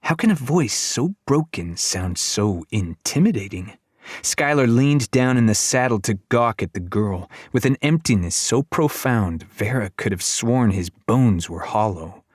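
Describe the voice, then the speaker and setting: Low-ish and slightly breathy, this man's voice is animated and unhurried as he narrates a middle-grade fantasy audiobook in a theatrical, wry style. The studio-quality recording has no room sound, and music plays beneath the dramatic scripted reading.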